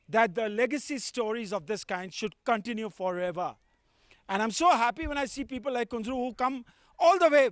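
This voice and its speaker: A middle-aged man with an Indian accent and a very high-pitched voice delivers a ceremonial speech of thanks. His manner is effusive and formal, and the sound is dry, with little echo. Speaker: school official giving a thank-you speech. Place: outdoor school playing field.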